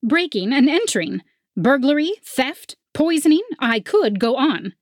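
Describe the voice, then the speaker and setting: A woman doing a gruff winged policewoman. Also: sits high, very animated, no echo, clean studio sound, voice pushed up, heavily acted. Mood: stern. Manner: barking, slow and emphatic. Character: stern winged female police officer, gruff.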